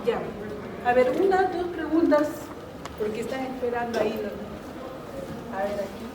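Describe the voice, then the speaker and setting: A woman lectures on linguistics at a fairly high pitch, explaining patiently and checking in with her listeners. She is recorded from far off in a very echoey hall. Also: animated, moderate pace, background noise. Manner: explanatory, frequent tag questions. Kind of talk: public talk at a vocational fair. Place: large hall at a university fair.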